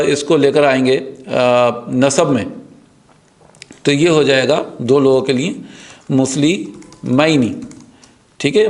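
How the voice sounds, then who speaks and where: Brief: male teacher, patient, repeats terms slowly, mid-pitched voice. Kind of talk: grammar lesson.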